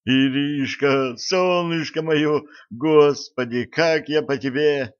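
A man's voice: on the high side, takes it slowly, smooth, voice pushed up. A man voicing a flustered, helpless husband who babbles pleas to his wife, in a dull audiobook recording. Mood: pleading. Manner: babbling, pleading.

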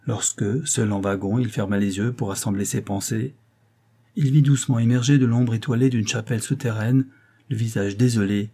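A man reading a classic novel aloud as an audiobook, in a measured, calm way. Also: on the low side. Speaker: audiobook reader. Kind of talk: literary audiobook narration.

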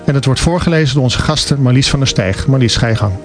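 A man hosting a radio show from the studio, relaxed and a bit halting as he reads out the sign-off. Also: mid-range voice, soft background music. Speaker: radio host.

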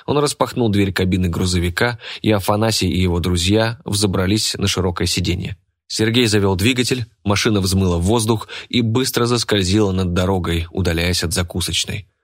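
Guy reading an audiobook, lowish voice, steady, dry close sound. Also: a little fast, dry recording. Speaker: narrator. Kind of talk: audiobook narration.

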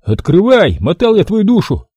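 A man voicing a brash, crude prankster sidekick who jokes loudly and mockingly in an audiobook. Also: sits high, big pitch swings, moderate pace, slightly rough, dry recording, dull audio, pitched above the performer's own voice, full character voice. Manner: mocking, cheeky, loud.

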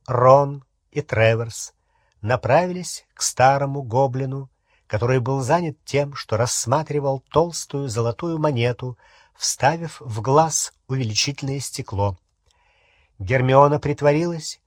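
A man reading an audiobook in an even, measured way, with a husky voice. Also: medium pitch, dry recording, clean studio sound. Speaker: audiobook narrator. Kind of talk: audiobook narration.

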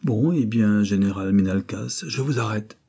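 A man reading an audiobook, voicing a calm, firm male police commissioner. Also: on the low side, normal speed, vocal fry, slightly rough.

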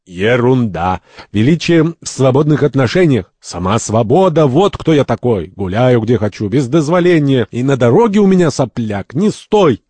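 A man's voice: mid-range voice, very animated, moderate pace, a little mellow, breathy edge, dry recording, pitched above the performer's own voice. A man voicing a cocky, carefree male libertine who embodies freedom, in a stage-play reading. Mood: brash. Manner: brash, mocking.

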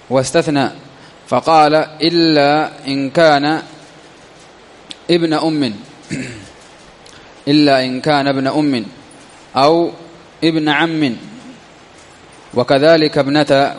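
A man teaching a classical grammar lesson, slowly, often repeating key phrases for his students. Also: on the high side. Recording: long echoey reverb.

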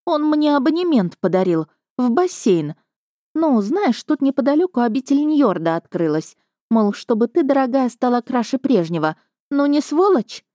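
A woman's voice: mid-range voice, animated, brisk, dark tone, no echo, studio quality, close to an everyday voice. Woman voicing sardonic friend Vera. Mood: indignant.

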